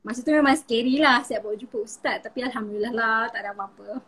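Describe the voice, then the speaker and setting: A woman's voice: a little high, fast, crowd noise. A Malaysian woman explaining things in a casual live interview, chatty and full of fillers, mixing in English words.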